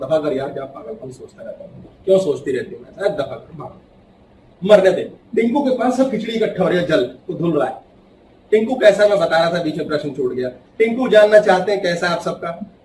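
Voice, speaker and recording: Animated spiritual speaker, man, echoey hall. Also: sits high, far from the mic, slight background noise. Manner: animated, acting out quoted voices with sharp swings between loud and hushed. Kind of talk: spiritual talk to a live audience. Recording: echoey room, voice from off-mic.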